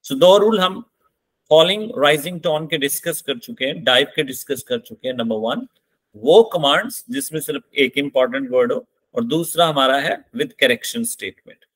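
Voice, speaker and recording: A man's voice: fairly high pitch, lively intonation, fairly bright tone, low-quality recording. A man giving a classroom-style pronunciation lecture, demonstrating tones on example phrases. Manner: slow, deliberate, demonstrating intonation examples. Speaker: English pronunciation teacher.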